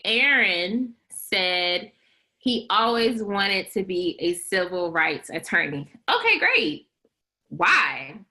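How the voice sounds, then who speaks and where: A young woman with a clear, bright voice runs a coaching webinar for law school applicants. She talks in a loose, animated, chatty way, with plenty of "like" and quick laughs between phrases. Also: medium pitch. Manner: chatty, animated, heavy use of "like". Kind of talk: webinar presentation.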